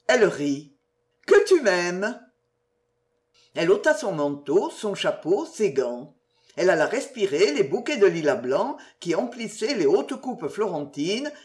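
A woman reading a literary novel aloud as narrator, lyrical and expressive. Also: on the low side. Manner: lyrical and expressive, slowing for exclamations.

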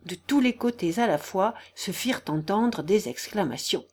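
A woman's voice: medium pitch, lively intonation, moderate pace, darkish tone. Woman reading a classic novel aloud. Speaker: audiobook narrator. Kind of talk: scripted narration.

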